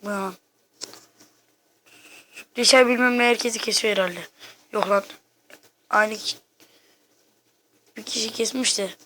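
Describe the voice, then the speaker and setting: A woman giving casual, excitable gameplay commentary, talking to herself and her viewers in slangy bursts. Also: mid-range voice, unhurried, long pauses, a little hiss or hum. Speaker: gaming video maker.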